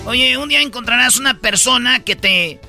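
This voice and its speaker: Man, mexican spanish accent, comedy host, high bright voice, gravelly edge, music underneath. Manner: rapid joke-telling, switching into character voices. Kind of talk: joke-telling comedy show.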